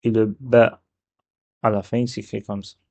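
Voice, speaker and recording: A man teaching a dictation lesson step by step, sounding syllables out slowly and repeating them. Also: lowish voice, flat delivery, gravelly, dark tone, dull audio. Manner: slow, repeats syllables aloud. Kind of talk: step-by-step lesson on writing Arabic letters.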